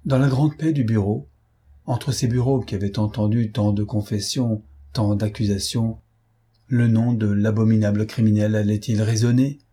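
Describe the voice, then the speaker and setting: A man reading a novel aloud in a measured, dramatic way. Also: lowish voice, steady tone, dark tone, breathy edge. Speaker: audiobook reader. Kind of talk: scripted narration.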